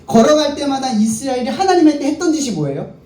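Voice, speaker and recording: Speaking fast in an extremely high, sing-song voice with a dark tone, a male pastor preaches to young people in a worship hall. He asks the crowd questions and then supplies the answers himself to hold their attention. The audio is distant and echoey, with faint noise behind it.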